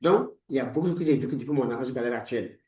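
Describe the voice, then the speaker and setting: A man's voice: mid-range voice, rapid-fire, a little mellow, echoey room, recorded from a distance, low-quality recording. A man in his forties, a life coach giving a motivational talk in a preachy, repetitive way, full of blessings. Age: 40s. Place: room lined with books, indoors.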